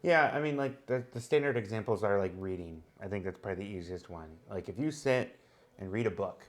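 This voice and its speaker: A man's voice: on the low side, expressive, brisk. A man co-hosting a casual chat, explaining ideas at length and thinking aloud with many fillers. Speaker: co-host.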